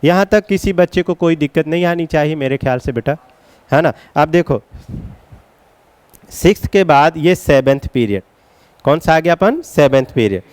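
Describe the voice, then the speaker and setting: Hindi chemistry teacher, clear and dry. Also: male voice, on the high side, animated, a little mellow, no echo. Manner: coaxing, calls students beta, asks and answers questions; chants mnemonics slowly in a singsong. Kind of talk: classroom lecture at a board.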